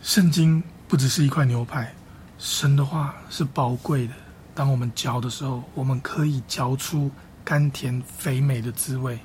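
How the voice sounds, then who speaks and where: A man preaching a sermon as a pastor, teaching Bible reading with slow, repeated, emphatic phrases. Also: mid-range voice, fairly even intonation, darkish tone, slight background noise.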